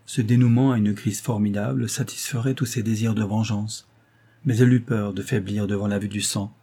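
Dark, husky male narrator. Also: fairly low pitch, steady tone, brisk. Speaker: audiobook narrator. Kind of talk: scripted narration of a novel.

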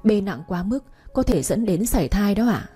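A timid young wife pleads politely in a mellow, breathy voice, as a woman narrator reads her. Soft music sits underneath. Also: medium pitch, big pitch swings, normal speed. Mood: pleading.

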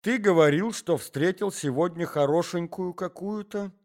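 Dude doing a cranky young wife voice, high and snappy. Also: male voice, normal speed, close to an everyday voice. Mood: impatient. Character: irritable young wife, sharp and impatient.

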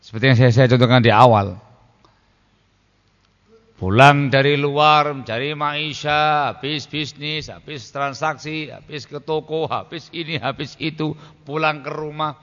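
Indonesian preacher, echoing lecture hall. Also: male voice, fairly high pitch, steady tone, unhurried, a bit bright, highs cut off. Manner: conversational, questions the audience, acts out quoted spouses. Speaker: Islamic preacher. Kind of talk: religious lecture on marriage.

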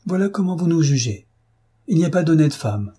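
Guy doing an earnest young upper-class lady in an audiobook, pleading hard, voice pushed up a bit higher, mellow and husky underneath. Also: big pitch swings, brisk. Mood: impassioned. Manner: heartfelt, pleading, emphatic. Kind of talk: audiobook reading.

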